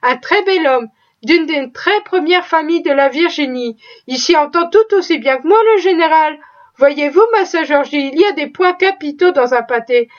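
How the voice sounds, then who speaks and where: A woman's voice: high voice, normal speed, lightly acted. A woman voicing a proud, talkative, pious female cook who chatters in a folksy, exclaiming way. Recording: slightly dull lo-fi recording.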